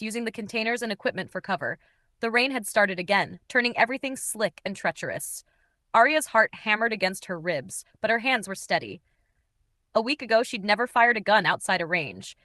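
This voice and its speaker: Woman reading a dark romance audiobook, bright voice, dry close sound. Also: medium pitch, dry recording. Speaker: audiobook narrator. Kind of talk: scripted narration of a dark romance.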